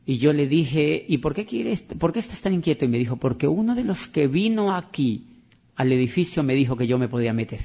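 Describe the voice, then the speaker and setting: A man's voice: on the high side, big pitch swings, brisk, warm tone, breathy edge. A man giving an emphatic motivational talk to an audience, repeating his points and acting out conversations. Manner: emphatic and repetitive, acts out dialogue. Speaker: motivational speaker. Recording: dull lo-fi recording.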